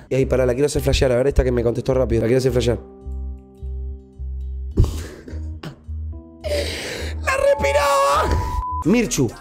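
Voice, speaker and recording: A man's voice: mid-range voice, dark tone. A young man with an Argentine accent chatting casually on a live stream, joking playfully and reading out messages. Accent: Argentine Spanish.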